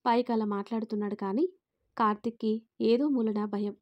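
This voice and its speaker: Woman storyteller, high dry voice. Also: little pitch movement, a little fast, no echo, dull audio. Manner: reads all characters in her own voice, lifting louder for quoted lines. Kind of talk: scripted narration with character dialogue.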